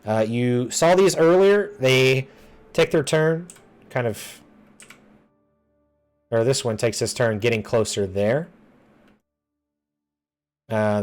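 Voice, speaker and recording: A man narrating a tabletop game as game master, unhurried and loose, often pausing with ums and uhs. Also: mid-range voice.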